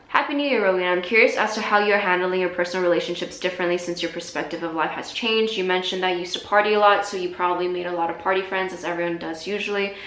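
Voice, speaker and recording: A young woman in a casual vlog who reads viewer comments aloud and answers them, chatty and self-deprecating, laughing often and trailing off softly. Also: lowish voice, echoey room. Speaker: YouTuber answering viewer questions. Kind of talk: casual Q&A chat reading comments.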